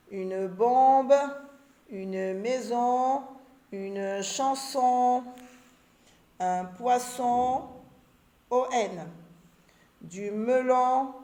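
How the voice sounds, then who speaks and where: A woman teaching a children's reading lesson, sounding out syllables and words slowly and carefully. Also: a little high, mellow. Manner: slow, carefully articulated syllables. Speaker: primary school teacher. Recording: echoey room.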